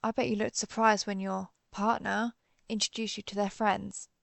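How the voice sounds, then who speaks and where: In a roleplay audio drama, a woman plays a centuries-old vampire huntress interrogating the listener with knowing, sardonic cool and menace beneath her words. Her mid-pitched voice is strongly creaky, with little pitch movement, and sounds dry with no echo or room around it. She speaks deliberately, in a dryly threatening tone.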